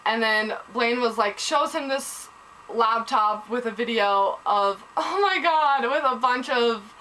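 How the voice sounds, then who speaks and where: A young woman excitedly recapping a TV episode in casual chat, gushing and saying "like" and "oh my god" a lot. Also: on the high side, slow pace, slight background noise, rough recording.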